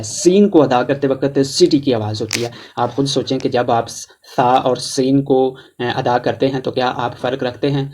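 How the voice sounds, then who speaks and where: A man with a Pakistani Urdu accent teaching a tajweed lesson, explaining letter sounds and drawing out each letter slowly as he drills them. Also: medium pitch, warm tone. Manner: slow, drawn-out recitation of letters between plain explanations. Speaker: Quran reading teacher.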